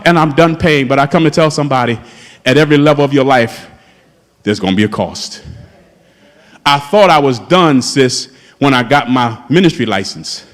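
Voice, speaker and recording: In a church sanctuary, a man in his fifties preaches a fervent sermon as pastor, calling out to the congregation with passion. His voice sits on the high side and sounds a bit bright. The church's long hall reverb is heard throughout.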